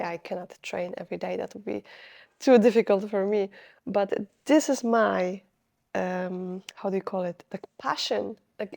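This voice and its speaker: A young woman vlogger with a Polish accent talks unscripted to the camera in a gravelly, dark voice of medium pitch. She rambles casually, pausing often as she searches for words.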